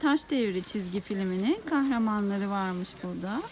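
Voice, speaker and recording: A crowd can be heard behind a woman whose animated, mid-range voice moves at a normal speed. She talks casually with a child in a park, explaining and posing simple guiding questions, captured in a very noisy outdoor recording.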